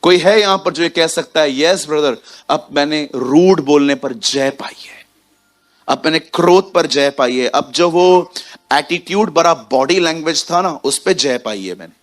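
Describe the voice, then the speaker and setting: A young man preaching a sermon to his congregation, animated, and acting out scenes in other voices. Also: fairly high pitch, unhurried.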